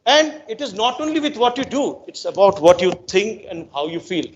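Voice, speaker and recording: A man's voice: high voice, big pitch swings, moderate pace, dull audio. A man with an Indian accent giving a motivational educational talk to students, emphatic and repetitive, often checking in with rhetorical questions. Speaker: brain-based coach giving a talk to students. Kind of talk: motivational educational lecture with storytelling.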